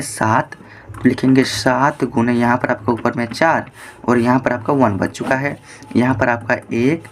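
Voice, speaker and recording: A patient male math teacher with a slightly higher voice for a man, explaining a board problem step by step. He repeats himself often and keeps asking rhetorical questions to carry the class along.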